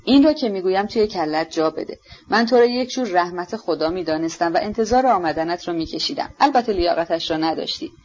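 A woman reading an audiobook, voicing an imperious, sharp-tongued older noblewoman who scolds and demands answers. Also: fairly low pitch, lively intonation, highs cut off. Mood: warning.

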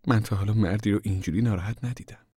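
A man voicing a calm, serious middle-aged mother who speaks softly and earnestly. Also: lowish voice, breathy edge, dry recording, studio quality. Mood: quiet. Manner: soft, quiet and earnest.

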